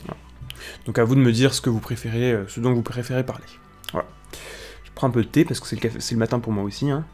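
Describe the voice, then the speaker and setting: A man's voice: medium pitch, fairly even intonation, fast, long pauses, darkish tone, soft background music. A man hosting a casual morning live stream on news, just waking up and talking with many hesitations and restarts. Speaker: livestream host.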